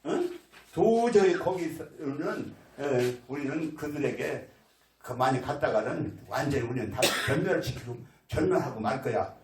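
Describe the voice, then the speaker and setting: A man's voice: medium pitch, animated, a little slow, darkish tone, slight background noise. A man preaching a storytelling sermon, in a folksy way, acting out the voices of people in his story. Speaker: pastor. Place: church sanctuary. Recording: echoey church hall, mic at a distance.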